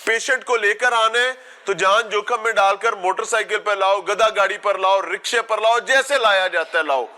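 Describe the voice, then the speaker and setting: A man's voice: high voice, hardly any pauses, sharp tone, dry recording. A man reporting on location outdoors, walking and talking in a theatrical, sarcastic way as an investigative host. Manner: theatrical, sarcastic, addresses an absent politician. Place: outdoors at a hospital and a park.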